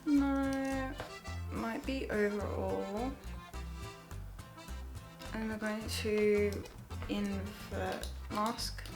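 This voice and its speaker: A woman narrates a casual screen tutorial at an unhurried pace, with a gravelly creak in her voice. She thinks aloud hesitantly and repeats words as she decides what to do. Music plays clearly behind her. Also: fairly high pitch. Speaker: photo editing tutorial host.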